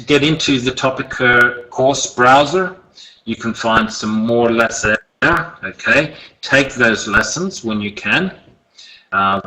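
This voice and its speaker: A man teaching an online English lesson over a video call, relaxed and encouraging, often checking in with "okay?". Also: on the low side, slight background noise, low-quality recording. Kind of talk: online lesson, recapping and giving homework.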